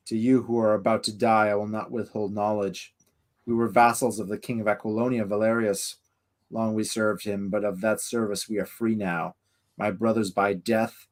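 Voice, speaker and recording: A man voicing a calm, cold male sorcerer-assassin in a slow, low, flat dramatic reading. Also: natural voice. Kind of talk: reading a novel's dialogue aloud.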